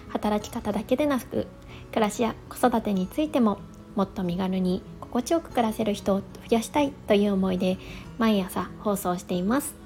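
A woman's voice: a little high, darkish tone. A woman hosting a morning show alone, talking in a casual, polite, conversational way and explaining things. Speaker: host of a daily morning radio-style show. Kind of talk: casual solo talk.

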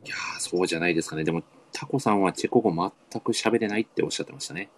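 A man's voice: low voice, racing. A man hosting a casual online radio chat, eager and full of admiring interjections. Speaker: podcast host.

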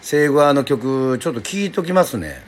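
A man's voice: medium pitch, very animated, brisk, a little hiss or hum. A middle-aged man from Yoron Island hosting a casual live radio stream, chatting, joking at himself and answering listener comments. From Yoron Island, Japan. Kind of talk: casual livestream chat.

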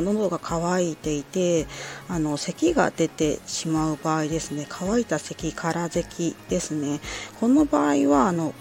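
A woman speaks in a low-pitched voice as a podcast host giving informal health advice. She explains things politely and a little hesitantly, phrase by phrase. Faint music plays behind her. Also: a little mellow. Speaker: podcast host answering listener letters.

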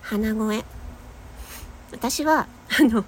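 A nasal woman in her young adult years with a slightly high voice talks through a casual voice lesson. She chats easily, laughs often and demonstrates long held notes. Faint noise sits under her. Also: very slow. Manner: chatty, laughs often, demonstrates sustained tones. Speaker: voice-training podcaster.

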